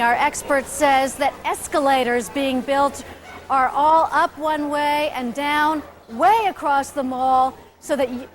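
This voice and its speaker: High-voiced woman TV reporter. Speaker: television reporter. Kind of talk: conversational live TV report.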